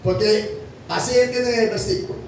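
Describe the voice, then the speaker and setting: A man's voice: high voice, steady tone, moderate pace, slight background noise. A man preaching a sermon to a congregation, emphatic, asking rhetorical questions and calling his listeners brother. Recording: very echoey hall from far off.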